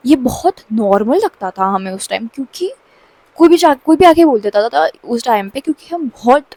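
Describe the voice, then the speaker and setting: A woman's voice: fairly high pitch, expressive, normal speed, a little mellow, no echo, poor audio. A young woman telling a casual storytime vlog, chatty, with lots of fillers. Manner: chatty, mixes English into her speech, many fillers and restarts; laughs while telling.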